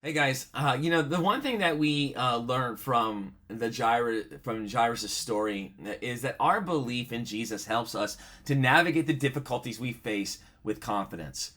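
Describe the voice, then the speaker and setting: A man's voice: mid-range voice, lively intonation, measured pace, few pauses, pushed and bright. A man teaching a video bible study lesson in a conversational way, telling stories with lots of fillers. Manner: conversational, many fillers, storytelling asides.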